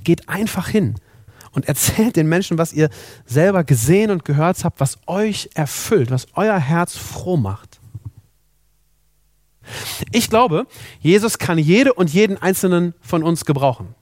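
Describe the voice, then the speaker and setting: A man's voice: a little high, expressive, a little slow, darkish tone, no echo, clean studio sound. A man preaching a sermon, earnest, asking the congregation rhetorical questions.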